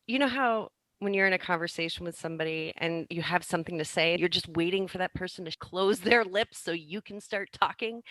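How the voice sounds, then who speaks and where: A woman's voice: medium pitch, a bit bright, no room sound, low-quality recording. Improv lady guesting on a podcast, laughs a lot, super dry close sound. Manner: laughs often, encouraging. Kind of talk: casual chat.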